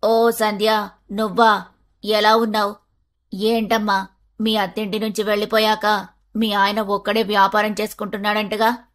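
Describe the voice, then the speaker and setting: A woman voicing a greedy older neighbor woman in an animated storybook, coaxing and cajoling for money. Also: medium pitch, moderate pace, long pauses, natural voice. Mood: wheedling.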